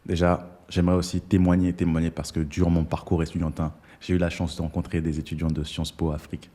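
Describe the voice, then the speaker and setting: A young man with a low, dark, mellow voice hosts a relaxed interview. He talks in a casual, searching way, often pausing on fillers and repeating words as he builds his questions. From Togo. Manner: hesitant, many fillers and restarts. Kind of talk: conversational interview.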